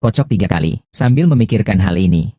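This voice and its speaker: Rapid, dark-voiced male dub reader. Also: fairly low pitch, lively intonation, breathy edge, no echo, clean studio sound. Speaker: voice-over reader of a dubbed drama. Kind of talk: fast scripted dialogue dub read in one voice.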